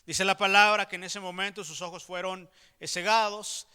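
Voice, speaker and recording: Emphatic Mexican preacher in a hall. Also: male voice, sits high, steady tone, moderate pace, pushed and bright, clean tone. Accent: Mexican Spanish. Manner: emphatic preaching, direct questions to the congregation. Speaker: pastor. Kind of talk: sermon. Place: church hall. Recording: reverberant church hall.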